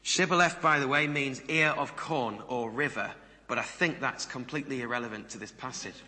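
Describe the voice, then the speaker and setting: Speaking a little fast, a preacher with a strikingly bright, forward voice at middle pitch addresses a congregation in a large, echoing room. He keeps the sermon conversational, frequently posing rhetorical questions to listeners, with a long hall reverb on the sound.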